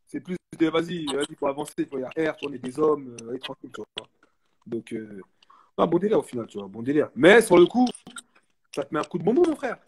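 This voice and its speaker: A young man chatting casually as a guest, telling a story in animated street slang and repeating himself for emphasis. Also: on the high side, quick pace, a little hiss or hum. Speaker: guest, basketball player.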